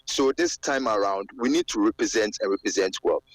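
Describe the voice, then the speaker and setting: A Ghanaian man with a Ghanaian accent calls a radio show over his car speakerphone while driving, speaking passionately, repeating phrases and building to fervent exclamations. His voice is fairly low with lively intonation and a slightly fast pace. The recording is dry and of poor quality.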